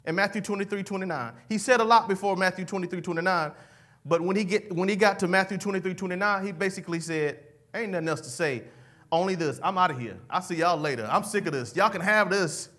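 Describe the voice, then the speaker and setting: High, bright-voiced preacher. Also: male voice, fast talker. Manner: call-and-response preaching, folksy asides. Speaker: pastor. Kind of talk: sermon.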